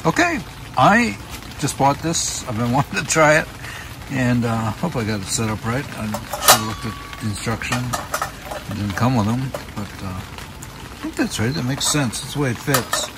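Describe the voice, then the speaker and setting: Recorded outdoors at a campsite, an older camping vlogger casually narrates his trip in a relaxed, rambling way full of ums and uhs. His voice is medium-pitched at normal speed, and the recording is very noisy.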